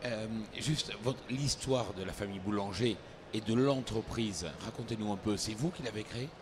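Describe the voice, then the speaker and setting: A middle-aged man hosts guests at a trade fair stand, moving the talk along with brisk, short prompts. He speaks into a handheld mic, with the fair's noise clearly audible behind him. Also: on the low side. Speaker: host. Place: trade fair stage, indoors.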